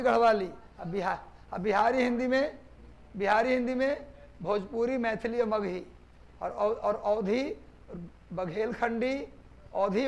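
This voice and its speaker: A man's voice: high-pitched, gravelly. A man from Bihar, teaching a live online class, repeating points for dictation and quizzing students. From Bihar, India. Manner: repetitive dictation, drilling students with questions.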